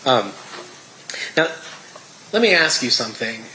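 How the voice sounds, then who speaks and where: American lawyer guy questioning someone in court, halting careful questions, echoey room, some noise. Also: medium pitch, sing-song, bright, forceful tone. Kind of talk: courtroom examination.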